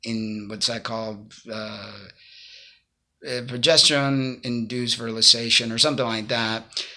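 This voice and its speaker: Unhurried and fairly even in intonation, the man's mid-range voice has a sharp edge. He is a Cuban vlogger in his fifties, rambling sincerely with advice to a phone or laptop camera at arm's length in a small living room.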